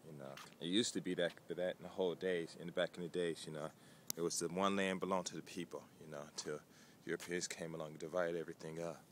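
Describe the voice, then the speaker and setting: A man talks casually to the camera in a fairly low voice, rambling and filling gaps with "you know" and "um." He is recorded outdoors on a city street, with faint traffic and ambient noise behind him. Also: fairly even intonation, quick pace. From United States. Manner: conversational, rambling with many fillers. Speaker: vlogger.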